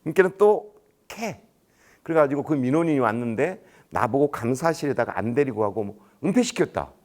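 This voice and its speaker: A man's voice: medium pitch, expressive, fairly quick, darkish tone. A middle-aged man giving a lecture at a staff training, telling colloquial anecdotes and acting out the dialogue. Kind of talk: storytelling lecture. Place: large conference room.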